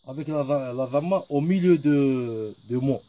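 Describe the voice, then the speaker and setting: A man's voice: medium pitch, a little slow, dark tone, dry recording. A man teaching a lesson in French, patiently repeating each word. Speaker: Arabic teacher. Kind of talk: slow spoken lesson.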